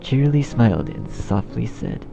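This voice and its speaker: A man narrates a scripted story with a medium-pitched, creaky voice, very animated, at a moderate pace. Music plays underneath, and the sound is dull and muffled.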